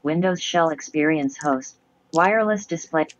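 A man's voice: on the high side, normal speed, dull audio, heavy background noise. Clipped synthetic male screen reader voice. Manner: clipped, flat readout of menu items. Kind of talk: automated screen reader readout.

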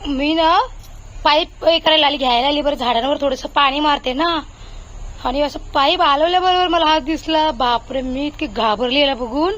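High-voiced chatty woman vlog host. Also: moderate pace, dull audio. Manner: chatty, addresses viewers warmly as a group. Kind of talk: casual home vlog chat. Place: at home.

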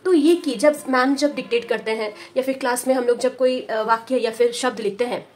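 A woman with a high voice teaches a Hindi lesson for parents of young children. She talks patiently and steadily, repeats key words slowly and keeps checking in with "okay" as she goes. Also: a little hiss or hum. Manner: patient, repeats key words slowly, says "ठीक है" often, mixes English words. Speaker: preschool teacher.

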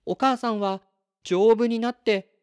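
A bright, eager little girl chatters in a high, swooping voice, her words drawn out slowly. A man puts her on in a storybook read-aloud. She sounds breathless with wonder. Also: no room sound, studio quality. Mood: excited. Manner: pleading and excited, high and lively.

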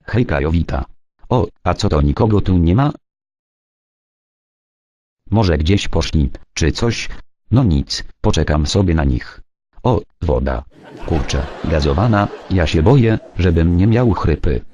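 A man's voice: low voice, lively intonation, measured pace, pauses often, a little mellow, no echo. A man voicing a timid, anxious young man who frets and hesitates. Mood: fretful. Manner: fretful, hesitant. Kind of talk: amateur comedy voice acting.

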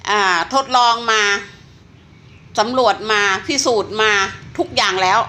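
Lady in her late 60s selling stuff on a live, chatty and pushy, bright voice. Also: medium pitch, a little slow, a little hiss or hum. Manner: chatty, persuasive, talks straight to viewers. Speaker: online seller. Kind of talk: casual live-selling chat.

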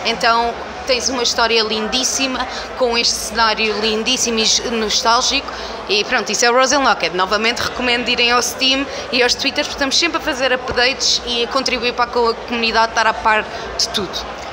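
A twenty-something woman with a European Portuguese accent, working as a game publisher's community manager, is interviewed casually by a booth wall at an indoor festival venue. Her answers are enthusiastic, effusive and emphatically repetitive, in a voice on the high side with fairly even intonation and a slightly fast pace. Loud, busy event-floor noise fills the recording.

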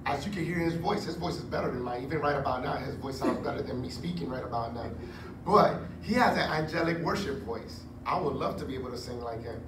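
A man in his forties preaching a sermon on a church stage into a handheld mic, chatty and animated with joking asides. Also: medium pitch, fast, recorded from a distance. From Puerto Rico heritage. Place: church stage with curtain backdrop. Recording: echoey room, recorded from afar, noisy.

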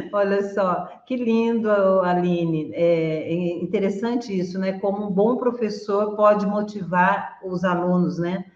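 A woman hosting an interview over a video call, effusive and quick to laugh. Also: mid-range voice. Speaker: host. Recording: roomy, dull lo-fi video call audio.

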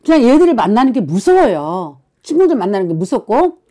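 Woman fortune teller, blunt and scolding, lively high voice, pushes with repeated questions. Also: fairly quick. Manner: forceful, scolding, keeps prodding with "어?". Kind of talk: blunt counseling session.

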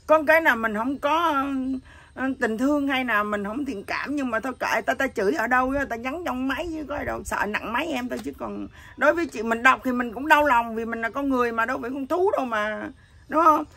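Husky middle-aged woman. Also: sits high, fairly quick, dry recording. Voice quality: husky voice that sounds neither male nor female. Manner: blunt, earthy, animated storytelling. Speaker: interviewee. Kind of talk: candid emotional chat.

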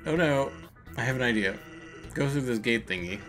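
A woman's voice: extremely low pitch, expressive, normal speed, faint music behind. A woman voicing Sans, a lazy, easygoing male skeleton who drawls his lines and cracks bone puns in a fan game voice-over. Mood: scheming. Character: lazy joking male skeleton, laid-back punster.

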